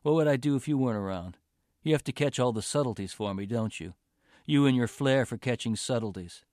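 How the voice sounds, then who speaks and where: A man's voice: mid-range voice, normal speed, darkish tone, no room sound, studio quality, lightly acted. A man voicing a resentful young male college athlete who turns sarcastic and bitter in a story reading.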